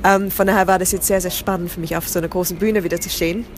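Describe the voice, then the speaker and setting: Speaking very fast in a lowish, steady voice, a theatre company founder from southern Germany gives a casual interview as a guest. There's a little hiss or hum, and she frequently searches for words, starts over and moves into English.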